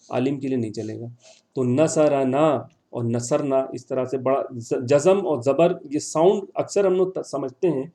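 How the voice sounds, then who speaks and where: A man's voice: medium pitch, dark tone. A male teacher giving an online class, patiently repeating words and quizzing his students.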